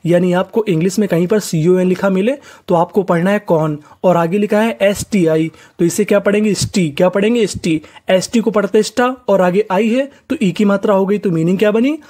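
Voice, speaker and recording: Patient man teaching English spelling, mellow voice. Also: sits high, fairly quick, few pauses. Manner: patient, repeats each syllable and asks the class to answer. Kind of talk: step-by-step spelling lesson.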